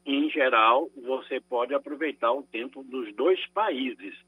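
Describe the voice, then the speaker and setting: Husky-voiced man explaining legal advice. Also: medium pitch, narrow, tinny audio. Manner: measured, explanatory, frequent tag questions. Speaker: lawyer answering listener questions. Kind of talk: radio call-in advice. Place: radio studio.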